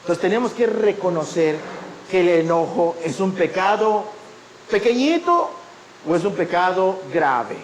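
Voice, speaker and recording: A man preaching a sermon as pastor, animated and storytelling, often taking on the voices of others. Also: high voice, moderate pace, reverberant, slight background noise, rough recording. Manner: animated preaching, acting out the people in his stories.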